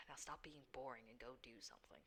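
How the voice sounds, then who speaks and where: Woman playing a shadow spirit, whispered role-play, dark breathy whisper behind you, languid, bored, taunting, tabletop game. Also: very deep voice, fairly even intonation, a little fast, voice pushed down, exaggerated voice. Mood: bored, commanding.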